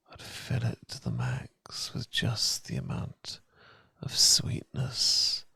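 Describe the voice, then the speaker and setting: Whispering softly into a close, dry mic, a British ASMR artist takes the role of a tender boyfriend comforting his partner in a slow romantic relaxation session. His husky voice sits on the low side, gentle and unhurried, with no echo.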